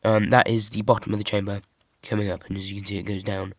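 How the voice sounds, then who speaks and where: A young man casually showing off a toy model he built, talking in a monotone with many fillers and restarts. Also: lowish voice, fast talker, dry recording, clean studio sound. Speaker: hobby builder showing a model. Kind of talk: casual show-and-tell.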